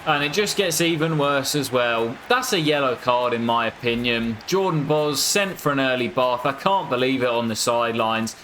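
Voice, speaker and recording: A man's voice: mid-range voice, moderate pace, few pauses, a bit bright, slight background noise. A man giving commentary over his own football video game career, breaking into exasperated outbursts when things go wrong. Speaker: gaming YouTuber. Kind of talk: gameplay commentary.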